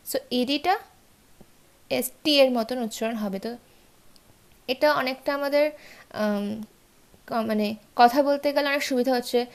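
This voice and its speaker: A woman teaching English pronunciation rules in a bilingual lesson, slowly repeating and spelling out example words. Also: fairly high pitch, darkish tone.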